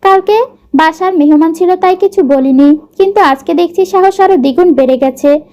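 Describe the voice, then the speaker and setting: A woman's voice: very high-pitched, normal speed, dark tone. Woman reading as a harsh, furious young heir. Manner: harsh, threatening. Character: angry proud young man, rich heir.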